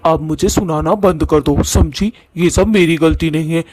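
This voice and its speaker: A man's voice: on the high side, moderate pace, a little mellow, no echo, natural voice, low-quality recording. A man voicing a grumpy, bossy old blue ghost husband in a cartoon. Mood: bossy scolding. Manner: bossy, scolding, defensive. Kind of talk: cartoon voice acting.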